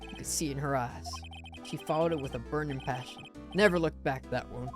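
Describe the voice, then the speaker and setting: A woman voicing a pompous older male lawyer who hems, haws and clears his throat evasively. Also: extremely low pitch, fairly quick, over music. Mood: stuffy.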